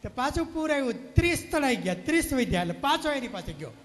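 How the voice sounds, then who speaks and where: A man's voice: very high voice, sing-song, fast. A man with a Kathiawadi accent giving a folksy storytelling speech to parents at a school event, with emphatic rising punches, speaking into a PA microphone. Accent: Kathiawadi Gujarati. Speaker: guest speaker at a school function. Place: school cultural event stage. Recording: long reverb from a loud PA.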